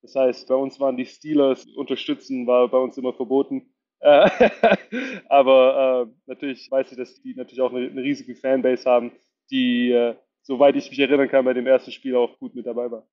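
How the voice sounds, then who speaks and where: A man's voice: medium pitch, level tone, fairly quick, dull audio. A young man from Germany, a football player, answering interview questions hesitantly with many fillers and repeated words.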